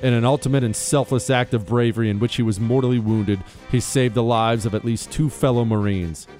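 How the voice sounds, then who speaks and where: American man crisply reading a military citation. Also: medium pitch, steady tone, fairly quick, a little mellow, faint music behind. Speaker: radio talk show host.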